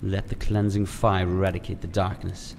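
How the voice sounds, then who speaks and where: Man playing a low, gravelly, brooding game figure mourning a lost love, flat solemn delivery, noisy audio. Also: normal speed. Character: grieving man burning a cursed mask. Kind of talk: game character dialogue.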